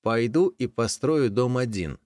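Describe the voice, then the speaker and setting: A sly, resourceful tomcat, put on by a man telling a storybook tale, coaxing in a voice pitched well above his own. The delivery is lively and swooping, recorded close and dry. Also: a little slow, dry recording, close to an everyday voice.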